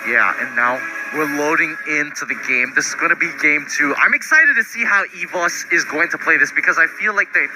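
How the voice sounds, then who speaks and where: A man calls an esports match with quick, analytical energy. His voice sits a little high and he is short of breath behind a mask. Loud noise runs under the whole recording. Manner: energetic, analytical, laughs easily. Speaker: esports caster. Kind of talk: esports commentary.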